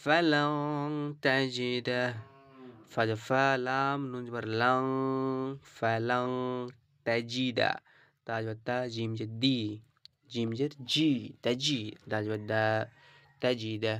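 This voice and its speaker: Guy teaching quran reading really slow, spells each syllable, super clean dry voice. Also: medium pitch, steady tone, fairly bright tone, smooth, no room sound. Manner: spells out syllables, drawn-out recited words, often asks "right?". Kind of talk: slow spelled-out recitation lesson.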